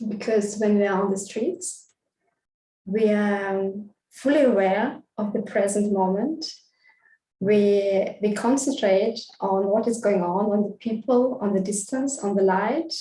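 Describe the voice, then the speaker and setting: A street photographer who grew up in Russia and Vietnam speaks as a guest at a festival, giving a thoughtful talk dotted with hesitant fillers. Her voice is mid-range and a little mellow, caught by a distant mic in an echoey room.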